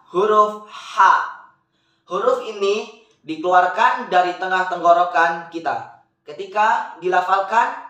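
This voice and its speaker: A man's voice: high voice, sharp tone, reverberant, rough recording. A man teaching the pronunciation of Arabic letters step by step, patiently drilling syllables and lifting them into sung tones. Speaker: Quran recitation teacher.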